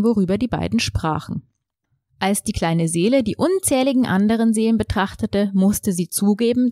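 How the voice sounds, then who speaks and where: A woman narrating a storybook in a calm, measured reading. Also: medium pitch, no room sound, studio quality.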